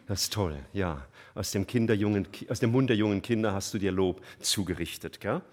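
Earnest German preacher, fervent. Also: male voice, fairly low pitch. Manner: earnest, rising to fervent emphasis; emotional, reads scripture slowly. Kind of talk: sermon.

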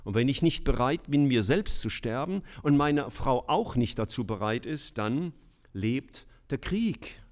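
A middle-aged man preaching a sermon in a lively, emphatic way, with humorous asides. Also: mid-range voice, a little slow.

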